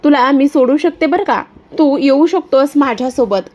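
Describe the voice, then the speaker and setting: A woman's voice: sits high, moderate pace, a little mellow, voice pushed up, natural voice. A woman voicing a scheming young female villain who mocks and needles, in a retold story. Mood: coaxing. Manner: mocking, needling.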